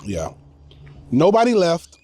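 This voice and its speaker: A man's voice: a little high, huge pitch swings, slow pace, a little mellow. A man, a stand-up comedian, chatting casually and loosely with slang while fishing outdoors. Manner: loose, slangy, laughs easily. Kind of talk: casual chat.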